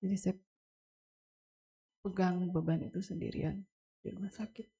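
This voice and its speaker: A young woman giving an earnest, halting personal testimony to a congregation at a memorial service, speaking straight to the listeners. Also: on the low side, little pitch movement, gravelly, warm tone, breathy edge. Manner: earnest, halting, addresses listeners as Bapak Ibu. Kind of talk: emotional spoken testimony to a congregation.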